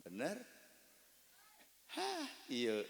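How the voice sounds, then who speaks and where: A man preaching in a Sundanese accent, telling stories with acted-out dialogue and sudden shouts. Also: medium pitch, extremely slow, gravelly. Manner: animated storytelling, acting out dialogue, bursts of shouting. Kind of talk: lively Sundanese sermon. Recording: echoey hall from a distance.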